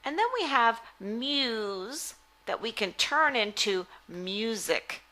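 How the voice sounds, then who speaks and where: A woman giving a phonics lesson as a reading teacher, deliberately enunciating words in an instructional way. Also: on the high side, expressive, sharp tone. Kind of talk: phonics lesson, word-by-word articulation drill.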